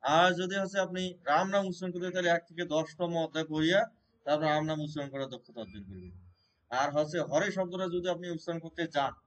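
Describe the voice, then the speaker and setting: A man's voice: on the high side, quick pace, rough recording. A man teaching a devotional scripture class in a temple, explaining point by point and often checking with his listeners. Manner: explains by questioning listeners, repeats and restarts. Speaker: Gita teacher. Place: Shiva temple gathering.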